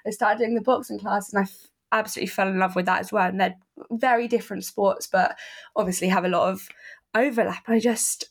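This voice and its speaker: A woman's voice: mid-range voice, fairly even intonation, fairly quick. Enthusiastic young woman fighter. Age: young adult. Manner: enthusiastic, with fillers like "I mean". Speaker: semi-pro Muay Thai fighter. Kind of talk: conversational interview answers.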